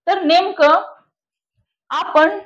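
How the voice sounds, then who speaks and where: This is a classroom lecture on shorthand, delivered by a woman to a room that includes online students; she asks the class questions and supplies the answers herself. Her voice is very high with a fairly bright tone, she draws out her words, and the recording sounds lo-fi.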